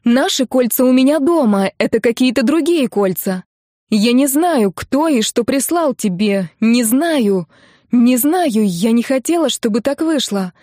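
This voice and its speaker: A woman voicing a young female student who pleads in a high, loud, tearful voice in a dry audiobook recording. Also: normal speed, hardly any pauses, no room sound, natural voice. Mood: desperate.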